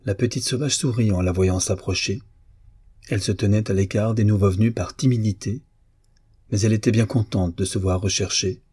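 A man narrating a classic novel as an audiobook, in a measured, even storytelling manner. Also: lowish voice, husky, no room sound, studio quality. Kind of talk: literary novel reading.

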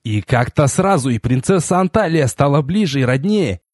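A man reading a first-person audiobook in an expressive, wry way. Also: medium pitch, normal speed, dry recording, clean studio sound. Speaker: audiobook narrator.

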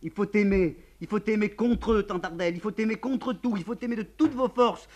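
A man's voice: sits high, expressive, normal speed, fairly bright tone, voice pushed up, heavily acted. A man voicing a weary aristocratic count with dry, mocking irony, reading a stage play. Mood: impassioned.

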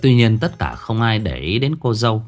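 A man narrating a folk ghost story in a colloquial, expressive storytelling manner. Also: on the low side, normal speed, soft background music. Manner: lively, colloquial, expressive telling.

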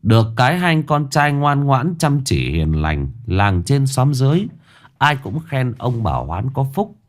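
A man narrating a ghost story in a measured, expressive way. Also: mid-range voice.

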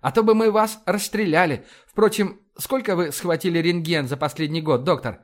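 A sharp-tongued woman officer who mocks everyone around her with cocky ease, pitched a little high. She comes from a spoken audiobook, voiced by a male narrator. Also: normal speed, lightly acted. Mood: teasing. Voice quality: teasing, cocky.

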